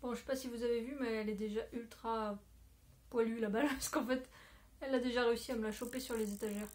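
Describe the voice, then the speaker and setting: A woman's voice: fairly high pitch, fairly even intonation, fast, darkish tone. A woman talking casually to her phone camera at home as a knitting podcaster, rambling with many fillers and self-corrections. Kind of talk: casual video chat. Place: at home, indoors.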